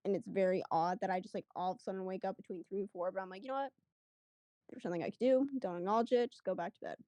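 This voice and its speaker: A woman's voice: mid-range voice, rapid-fire, warm tone, no echo. A woman telling a podcast interviewer a personal story in a casual, chatty way, acting out what people said. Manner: chatty, lots of fillers, acts out quotes. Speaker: guest.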